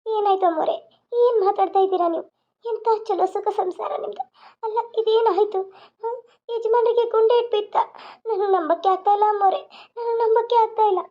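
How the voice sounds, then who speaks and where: A woman's voice: very high voice, steady tone, brisk. A woman voicing a devoted housemaid who earnestly pleads with her employer. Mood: pleading. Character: devoted female maid, loyal and motherly. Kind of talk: cartoon voice acting. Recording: dull lo-fi sound.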